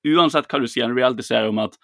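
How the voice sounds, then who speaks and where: A man co-hosting a podcast, retelling a film in a lively, casual way, acting out quotes and swearing freely. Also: medium pitch, creaky, dry recording, clean studio sound. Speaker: podcast co-host.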